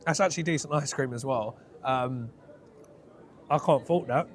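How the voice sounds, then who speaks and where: A man's voice: mid-range voice, moderate pace. A man hosting a food vlog, talking casually to viewers as he presents.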